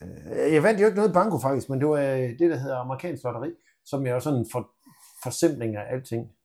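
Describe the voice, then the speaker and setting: A man, co-hosting a podcast and bantering casually. He tells teasing, playful stories in a warm, mellow voice at an ordinary middle pitch. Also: lively intonation, vocal fry. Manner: joking, teasing, playful storytelling. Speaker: podcast co-host.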